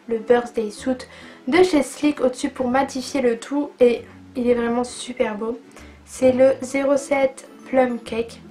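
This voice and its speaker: Chatty high-voiced woman reviewing makeup. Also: darkish tone. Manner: chatty and enthusiastic, with frequent fillers. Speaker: beauty vlogger. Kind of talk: casual product review vlog.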